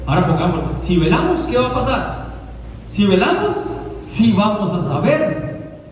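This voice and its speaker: A man's voice: sits high, big pitch swings, moderate pace, a little hiss or hum. A man preaching a sermon as pastor, with emphatic repetition, calling his listeners brother. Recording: echoey hall from far off, dull lo-fi sound.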